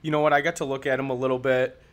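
A man's voice: medium pitch, level tone, rapid-fire. A young man guesting on a casual sports podcast in a garage, easygoing and confident in his takes. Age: young adult. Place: hot home garage.

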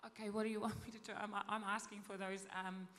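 A woman speaks at a church gathering in an earnest, halting way, often restarting her sentences. Her voice is bright and forward. She is recorded in a reverberant hall, with a faint hum behind her. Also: mid-range voice, flat delivery. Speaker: panel speaker at a church event. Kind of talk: testimony talk.

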